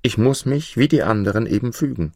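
A man voicing a poor, feisty peasant mother, speaking higher, louder and indignant. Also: animated, brisk, breathy edge, no room sound, studio quality. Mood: complaining.

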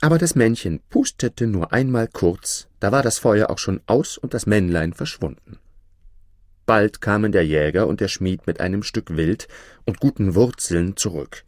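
Lively low-voiced male storyteller. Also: normal speed, dry recording, clean studio sound. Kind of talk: fairy tale narration.

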